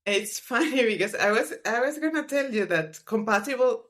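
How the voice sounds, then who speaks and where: Speaking at normal speed, a woman with a fairly high, slightly bright voice sounds animated. She's a scientist guest on a podcast, originally a Spanish speaker, and in this casual book club conversation her English is thoughtful, hesitant, and prone to trailing off.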